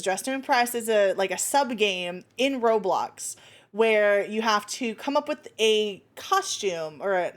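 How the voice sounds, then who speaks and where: A woman streamer chatting casually and expressively as she reacts to a video, with swearing mixed in. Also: medium pitch.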